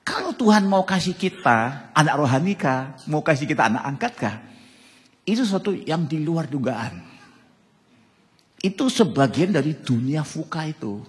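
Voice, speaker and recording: Lively sixty-something preacher in an echoey hall. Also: male voice, a little high, normal speed. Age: 60s. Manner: animated preaching, often ending phrases with "saudara". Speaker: pastor. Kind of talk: sermon. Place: church hall with live congregation.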